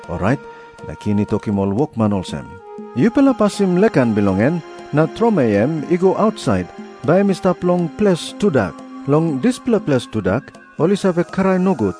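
A man's voice: a little high, mellow. A man with a Papua New Guinean accent playing a teacher telling parables in a dramatised scripture reading. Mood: solemn. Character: Jesus, an adult male teacher telling parables. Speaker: voice of Jesus in an audio Bible.

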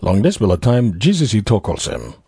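A man's voice: lowish voice, sing-song, brisk, vocal fry, mellow, husky, no room sound, studio quality. A man narrating scripture from a script.

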